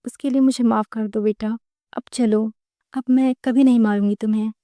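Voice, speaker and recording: A woman's voice: a little high, fairly even intonation, moderate pace, dark tone, no echo, natural voice. A woman voicing a harried single mother. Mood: soothing. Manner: scolding, curt. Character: weary single mother, short-tempered.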